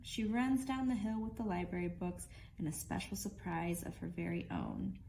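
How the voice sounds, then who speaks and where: A woman librarian reading a picture book aloud to young children and leading an animal guessing game, in a gentle, playful storyteller manner. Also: fairly low pitch, big pitch swings, creaky, a little hiss or hum. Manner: slow, gentle, playful storyteller voice, leads sing-along games.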